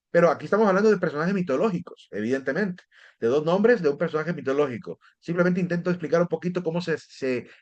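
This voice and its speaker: A man's voice: on the high side, highs cut off. A man teaching a theology class, explaining step by step and often checking in with his listeners. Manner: explanatory, repeats words and restarts, asks "¿verdad?" often. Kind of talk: lecture on theology.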